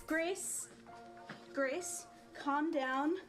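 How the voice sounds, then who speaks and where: A woman's voice: high voice, very slow, music in the background. A woman playing an urgent, steadying helper talking someone through a crisis in a screen drama. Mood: urgent, controlled.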